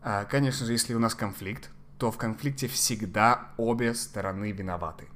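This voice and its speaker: A man giving conversational psychological advice as a podcast guest, sometimes halting to search for Russian words. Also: fairly low pitch, a bit bright, slight background noise.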